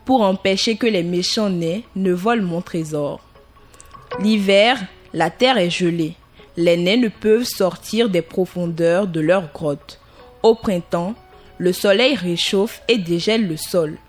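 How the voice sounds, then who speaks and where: A woman's voice: fairly low pitch, measured pace, faint music behind. A woman voicing a male bear who earnestly explains why he must guard his treasure, in a fairy-tale reading.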